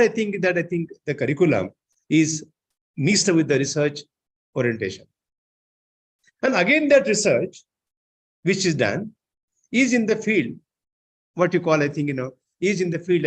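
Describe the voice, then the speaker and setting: A man giving an online seminar lecture, often filling pauses with "I think, you know". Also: sits high, big pitch swings, husky. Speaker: seminar speaker.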